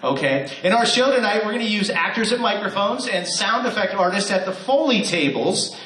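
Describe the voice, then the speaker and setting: Hosting a live radio theater show, this man jokes with the audience and playfully coaxes them through cue-card practice as a warm-up. His voice is high-pitched, expressive and brisk, with a sharp tone. The echoey hall is full of crowd noise and applause.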